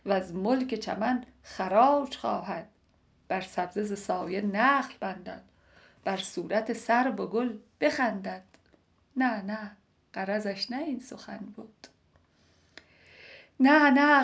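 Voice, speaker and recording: A woman reciting classical poetry in a measured, lilting way, repeating lines and sometimes dropping to a soft whisper. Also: mid-range voice, gravelly.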